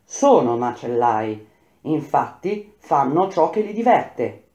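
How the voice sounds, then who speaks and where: Cold proud warrior queen voiced by a woman, curt, defiant, mellow tone, roomy echo. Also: a bass voice, big pitch swings, slow, lo-fi sound, heavily acted.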